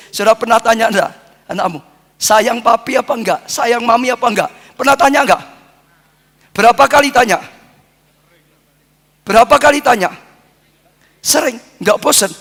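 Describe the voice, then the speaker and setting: An older man preaching a sermon, fervent, building into chanted shouted repetitions and dropping low between them. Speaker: pastor. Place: church hall. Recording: echoey church hall with music.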